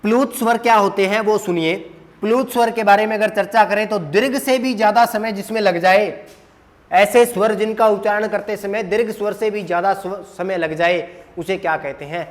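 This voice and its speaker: A man's voice: sits high, moderate pace. A man teaching a grammar lesson at a whiteboard, asking questions and answering them himself, repeating the key terms.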